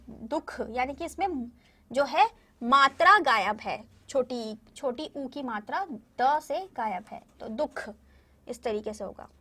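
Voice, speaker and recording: A woman with a high, light voice leads a primary school language lesson. She speaks patiently to young children, explains step by step and keeps checking that they follow. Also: a bit bright. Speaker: primary school Hindi teacher. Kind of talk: recorded classroom lesson addressing children.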